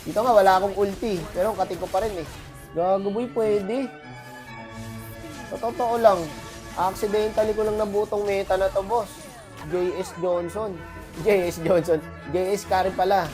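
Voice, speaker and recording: A man's voice: high-pitched, level tone, normal speed, long pauses, over music. A man with a cold giving chatty, boastful gameplay commentary to his viewers as a streamer. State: has a cold, voice affected. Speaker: gaming streamer.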